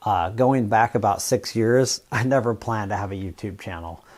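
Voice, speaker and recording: A man from the US Northwest who hosts a fabrication channel, talking casually and plainly to camera in a relaxed, rambling way. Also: lowish voice, normal speed. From Washington State, US Northwest. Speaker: YouTube fabrication channel host.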